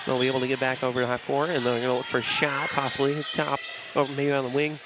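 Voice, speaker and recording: A man calling live basketball play-by-play in a brisk, steady way, leaning on "it's gonna be" over and over. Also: mid-range voice. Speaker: play-by-play announcer. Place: school gymnasium during a game. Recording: loud gym noise with bouncing balls.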